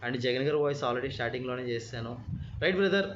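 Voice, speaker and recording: A man's voice: medium pitch, lively intonation, fast. A man from Telangana, a mimicry artist chatting with viewers on a live stream, thanking commenters and mixing in English. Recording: lo-fi live stream, faint noise.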